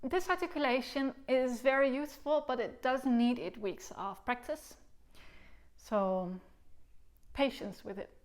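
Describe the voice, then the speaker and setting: Seated high on a living-room sofa, a Dutch woman in her thirties gives an instructional video lesson on recorder technique. She demonstrates the syllables by singing and speaking them slowly.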